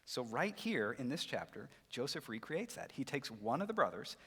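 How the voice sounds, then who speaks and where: Animated male preacher in a reverberant hall. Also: medium pitch, moderate pace, slightly rough. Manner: animated storytelling, acts out voices. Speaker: pastor. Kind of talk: sermon. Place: church sanctuary.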